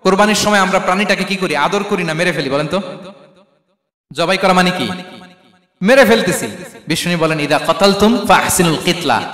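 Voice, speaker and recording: A man's voice: sits high, brisk, pauses often, fairly bright tone. Impassioned preacher man in echoey hall. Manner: impassioned, calls out questions to the crowd. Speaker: Islamic preacher. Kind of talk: Bengali waz sermon. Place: large stage event hall. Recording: echoey hall with long reverb.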